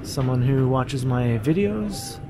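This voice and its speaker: A man's voice: mid-range voice, lively intonation, slow pace, over loud music. A man chatting casually and informally as a video host riding the subway, friendly and given to chuckling. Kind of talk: casual chat while filming a journey. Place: inside a subway train. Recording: very loud subway train noise.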